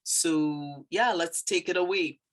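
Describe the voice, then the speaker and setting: Slow and lowish in pitch, she is a Trinidadian poet whose accent shows a light Canadian influence. In easygoing explanatory talk, she unpacks her poem thoughtfully, hesitating and leaning on many fillers.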